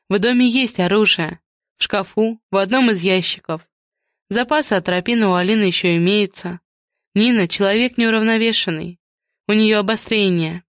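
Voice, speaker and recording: A woman with a mid-range voice narrates an audiobook from a script, in a measured, even storytelling style. The recording is dry and of studio quality.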